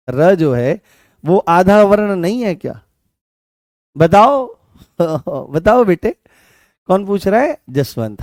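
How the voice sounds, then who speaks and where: A teacher with a Rajasthani Hindi accent walks students through grammar, repeating each point and throwing questions back at them. His voice sits high for a man. The recording is close and dry, with no room sound. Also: a little mellow, no room sound. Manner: repetitive, coaxing, asks students questions and calls them beta; answers viewer comments by name. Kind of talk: online exam-prep grammar lesson.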